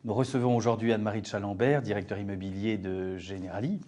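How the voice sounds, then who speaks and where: A man's voice: lowish voice, steady tone, quick pace, warm tone. Male business show host. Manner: polite, scripted questions with fillers. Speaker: interview host. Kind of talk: business web show interview.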